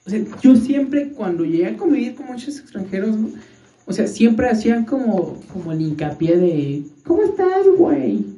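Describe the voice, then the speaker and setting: Young Mexican guy, crude casual banter, mellow tone, echoey off-mic sound. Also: high-pitched, animated, moderate pace, recorded from a distance, highs cut off. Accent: Mexican Spanish. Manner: crude slang, stammering restarts, mock accents.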